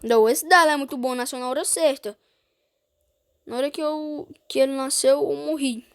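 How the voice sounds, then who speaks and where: A woman with a Brazilian Portuguese accent giving excitable gameplay commentary, often breaking into panicked exclamations. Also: sits high, moderate pace. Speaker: gamer streamer.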